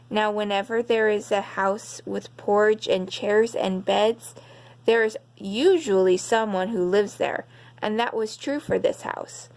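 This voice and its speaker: A woman slowly reading a bedtime story aloud as storyteller, gentle and unhurried. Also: medium pitch.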